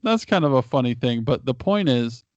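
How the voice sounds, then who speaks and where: A man's voice: medium pitch, expressive, moderate pace, a little mellow, no echo. A married man, a guest, giving casual advice in a long explanation, often restarting and repeating his words. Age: adult, married. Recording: dry, dull lo-fi audio.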